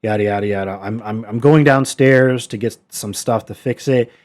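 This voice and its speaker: A man teaching a Bible study in a relaxed, unscripted way. His voice sits in an ordinary middle pitch, and he turns earnest and exhorting as he talks, with frequent fillers and restarts. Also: measured pace. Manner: conversational, many fillers and restarts. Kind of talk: casual Bible study talk.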